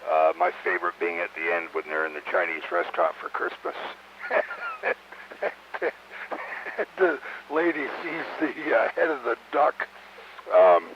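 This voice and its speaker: A man's voice: deep voice, wildly swooping pitch, a little slow, long pauses. A man on an amateur radio net, telling a story in an amused way. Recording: dull radio audio with faint noise.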